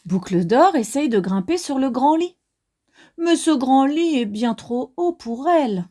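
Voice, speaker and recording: A woman reading a children's picture book aloud in a slow, expressive, sing-song way. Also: high-pitched. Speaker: children's storyteller. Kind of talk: read-aloud storytelling for children.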